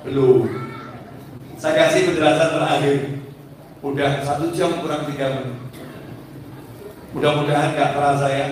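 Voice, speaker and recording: High-voiced preacher in an echoey hall. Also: male voice, slight background noise. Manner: storytelling with acted dialogue and questions to the audience; stretches and restarts words mid-syllable. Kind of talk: religious lecture to a live audience. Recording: echoey hall, mic at a distance.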